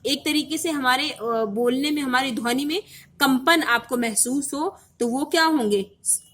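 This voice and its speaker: Bright, high-voiced woman teaching a class. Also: measured pace. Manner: explains patiently, repeating "ठीक है" to check understanding. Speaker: Hindi teacher. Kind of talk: online classroom lesson.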